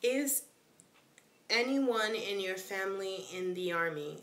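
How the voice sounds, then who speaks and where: A woman's voice: medium pitch, lively intonation, takes it slowly, a bit bright, reverberant, a little hiss or hum. A young woman chatting casually on a live stream, answering viewer questions in a slangy way with lots of "like".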